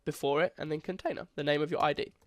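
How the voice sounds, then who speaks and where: A young coding tutor, his voice stuffy and congested, talks viewers through a beginner coding lesson on screen recording, casual and chatty, often restarting phrases and correcting himself. His voice sits a little high for a man, with a steady tone and a quick pace. The recording is dry and close, free of room sound.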